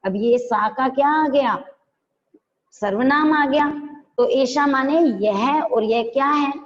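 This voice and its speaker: A woman's voice: high voice, takes it slowly, big-room sound, muffled recording. A woman teacher, giving an online class and patiently explaining step by step, asking questions back.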